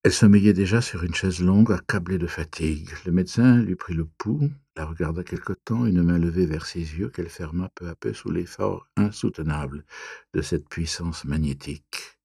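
A man narrating a classic story in an audiobook reading, measured and even. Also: deep voice, vocal fry, husky, dry recording, studio quality.

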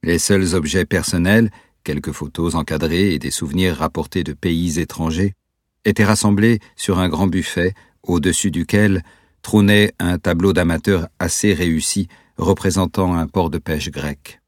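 Un homme qui lit la narration d'un roman en livre audio, d'un ton posé et descriptif. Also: male voice, low voice, fairly even intonation, dry recording, clean studio sound. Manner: measured, descriptive reading.

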